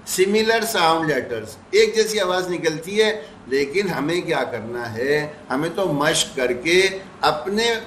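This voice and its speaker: A man teaching recitation, patiently repeating sounds slowly to demonstrate them. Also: a little high, fairly bright tone, echoey room, slight background noise. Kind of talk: explanatory lesson.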